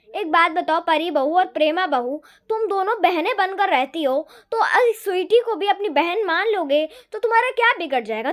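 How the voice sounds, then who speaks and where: A woman's voice: very high voice, a bit bright. A woman playing a middle-aged mother-in-law who patiently lectures her squabbling daughters-in-law in a homemade family drama.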